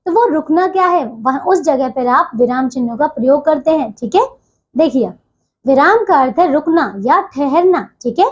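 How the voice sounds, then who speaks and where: High-voiced woman teaching children grammar. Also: animated, normal speed, dull audio. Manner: patient, repeats "theek hai bachchon" constantly. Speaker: school Hindi teacher. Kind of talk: online grammar lesson for children.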